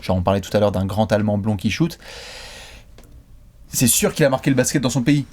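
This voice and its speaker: A man co-hosting a casual talk show, reading viewer questions and chatting in a relaxed, slangy way. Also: fairly low pitch, a little fast. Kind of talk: casual debate.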